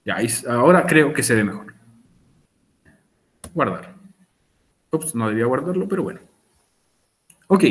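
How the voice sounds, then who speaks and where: A man's voice: sits high, a bit bright. A man with a Chilean accent teaching an online English class. He explains patiently, repeats the key points and chats with his students over a video call.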